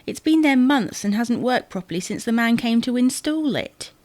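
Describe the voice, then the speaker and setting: A British woman acts out an exasperated, matter-of-fact wife squabbling over household matters in an audio sitcom, nagging and using tag questions. Her fairly high voice is expressive and a little mellow, at normal speed. The acting is light and the recording dry.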